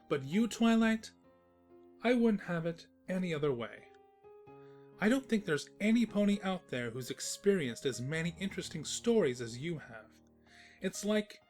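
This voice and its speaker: In a fan fiction audio drama, a man plays a storybook narrator who is teasing, sentimental and gentlemanly. His voice is a little high.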